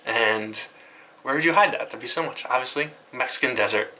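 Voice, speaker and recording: A man with a mid-range, pushed and bright voice briskly hosts a casual web news recap. His loosely scripted commentary is informal and offhand, with the occasional swear word, and the low-quality recording has some light noise.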